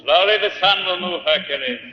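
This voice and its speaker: A man's voice: sits high, fairly quick, dull audio, slight background noise, natural voice. An actor voicing a solemn male divine oracle who pronounces fate. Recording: echoey hall on old film soundtrack.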